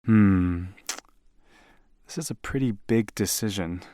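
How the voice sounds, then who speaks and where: In an audio play, a man voices an earnest, conscientious alien who is buying property, deliberating hesitantly in a pondering mood. His voice is lowish, slow and mellow, recorded without echo.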